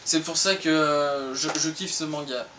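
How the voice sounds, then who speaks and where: A man's voice: fairly high pitch, a little slow, background noise. Playful young man on a distant mic. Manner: playful, slangy, teasing. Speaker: co-host. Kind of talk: casual improvised chat.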